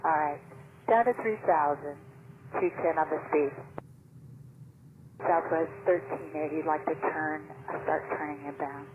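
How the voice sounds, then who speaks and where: A calm woman pilot talking through her cockpit headset, her voice squeezed into a thin, tinny radio band. Clear static and hiss ride under her steady, clipped radio calls. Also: sits low, unhurried, long pauses. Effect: pilot's cockpit headset radio transmission. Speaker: airline captain. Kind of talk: air traffic radio exchange.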